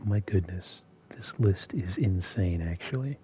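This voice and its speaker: A man hosting a video in a soft-spoken, half-monotone voice that is often whispered and slightly strained. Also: sits low, takes it slowly, slight background noise. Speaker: video host. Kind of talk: soft-spoken ASMR-style commentary.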